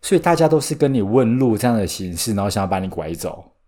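A man's voice: lowish voice, sing-song, fast, darkish tone. Man chiming in casually. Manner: reacts with short prompts and quips. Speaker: podcast co-host. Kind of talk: casual chat.

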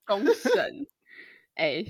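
A woman's voice: mid-range voice, wildly swooping pitch, vocal fry, rough recording. A young woman from Taiwan, co-hosting a podcast in casual chat, teasing her partner with short quips. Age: young adult. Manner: teasing, quick backchannels, laughs often. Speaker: podcast co-host.

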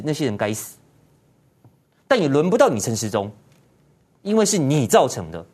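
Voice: medium pitch, a little mellow. A political commentary host, ranting indignantly in heated commentary and firing off repeated rhetorical questions.

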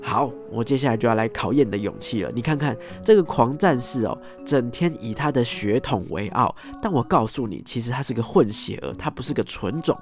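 A man's voice: mid-range voice, animated, fairly quick, few pauses, faint music behind, close to an everyday voice. A man voicing a playful, sly male pirate mentor who teases and goads his student. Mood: goading. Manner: teasing, goading.

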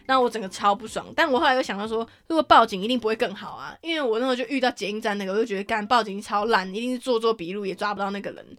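Speaking rapidly with few pauses, a woman with a slightly high, somewhat bright voice and a Taiwanese Mandarin accent tells a story on a casual podcast she co-hosts. She's animated, swears often, and acts out what people said.

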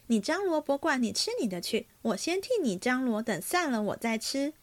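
A woman reading aloud, voicing a bossy, teasing young noblewoman who runs the household banquet, raising her pitch for quick, sharp banter. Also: big pitch swings, dry recording. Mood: brisk.

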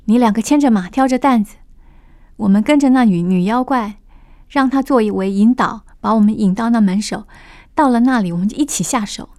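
A woman's voice: fairly high pitch, fairly quick, darkish tone, no echo, close to an everyday voice. A commanding, scolding monkey disciple, as a woman storyteller puts him on, raised and emphatic. The sound is close and dry, like a studio radio reading. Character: sharp, bossy male monkey disciple.

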